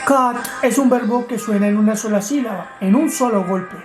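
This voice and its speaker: A woman's voice: a little high, moderate pace, music in the background. A woman teaching grammar, explaining rules step by step in a patient way and asking her students questions. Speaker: English teacher.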